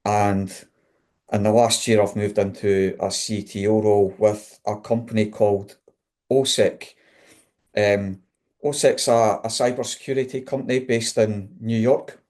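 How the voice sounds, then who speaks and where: Low-pitched man, broad Scottish accent. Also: level tone, measured pace, darkish tone. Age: middle-aged. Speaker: guest, chief technology officer. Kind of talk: informal career introduction in a webinar.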